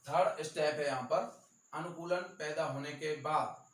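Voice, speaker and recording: A male teacher with a Rajasthani accent gives an exam-prep lecture, repeating key terms slowly and stressing them. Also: on the high side, steady tone. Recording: echoey room, voice from far off.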